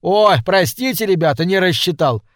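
A man voicing a bold boy starship captain who talks loud and boastful, giving commands. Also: high voice, expressive, normal speed, no room sound, studio quality, voice pushed up. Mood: brash.

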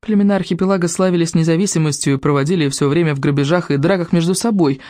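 An audiobook narrator telling a story with expressive delivery. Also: medium pitch, fast, no room sound, studio quality. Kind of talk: scripted narration.

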